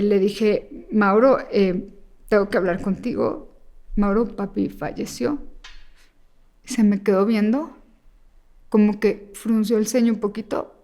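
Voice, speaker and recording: A woman guest telling an emotional personal story, acting out the voices of the people in it and sometimes rushing through in fast bursts. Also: mid-range voice. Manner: animated, acts out quoted dialogue. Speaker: interview guest.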